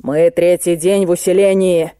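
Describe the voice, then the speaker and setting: A woman's voice: lowish voice, steady tone, normal speed, dark tone, no room sound, studio quality, close to an everyday voice. Woman reading as a grumbling patrol sergeant. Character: male patrol sergeant, blustering then friendly.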